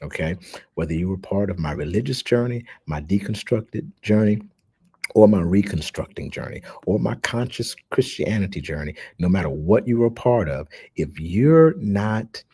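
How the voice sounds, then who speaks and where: Husky guy ranting casually to his followers, dry close sound. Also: deep voice, lively intonation, moderate pace, dark tone, dry recording. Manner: emphatic, indignant, with frequent fillers. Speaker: social media host. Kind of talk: casual spoken monologue.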